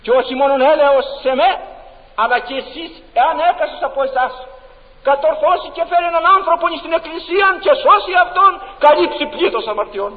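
A man's voice: very high-pitched, lively intonation. A man preaching a sermon in a church, impassioned and emphatic, with many rhetorical questions. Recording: dull, long-reverb church recording.

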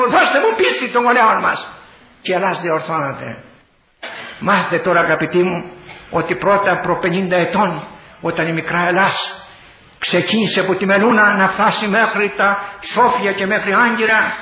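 A man's voice: sits high, bright, forceful tone, a little hiss or hum. An older man, a bishop, giving a fiery sermon-style speech, exclaiming and repeating his phrases. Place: large hall. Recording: dull echoey hall recording.

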